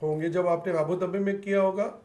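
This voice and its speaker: A man's voice: high voice, fairly even intonation, a little fast, mellow, roomy sound. A man hosting a talk show, telling reflective stories, laughing often and slipping English phrases into his talk. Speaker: podcast host. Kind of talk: casual interview chat.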